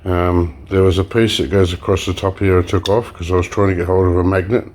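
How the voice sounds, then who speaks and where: Hosting an e-waste recycling channel, this low, mellow-voiced man moves briskly through a casual hands-on demo. He talks through each step in a relaxed way, full of fillers and restarts, while sounding slightly hoarse and clearing his throat.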